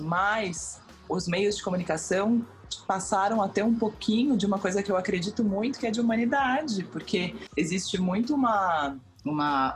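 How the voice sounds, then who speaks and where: Brazilian woman lively TV presenter, lower voice. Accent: Brazilian Portuguese. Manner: animated storyteller, acts out quoted dialogue. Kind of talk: casual interview conversation. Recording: faint music underneath. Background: faint music.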